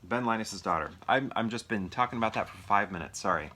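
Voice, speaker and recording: Speaking quickly and animatedly in a lowish voice, a movie reviewer chats impromptu with his viewers over background noise. His talk wanders as he thinks out loud and second-guesses himself.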